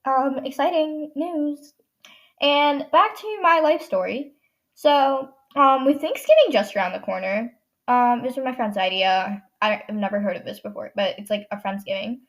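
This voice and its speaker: With a voice that sits high and a moderate pace, a teenage podcast host rambles through a casual storytelling monologue. Her nose is stuffed up, and she leans on fillers and keeps correcting herself.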